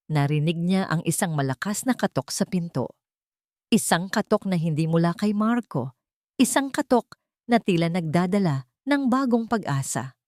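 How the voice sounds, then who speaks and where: A woman with a Filipino accent narrates a dramatic scripted story in a fairly low, slightly mellow voice. The recording is studio quality with no room sound.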